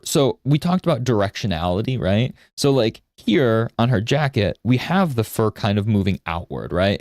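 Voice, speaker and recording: A man in his thirties, an art streamer and instructor, gives a casual live art lesson while drawing, rambling into anecdotes and often checking in with "right?". His voice is fairly low and darkish, recorded dry with studio quality.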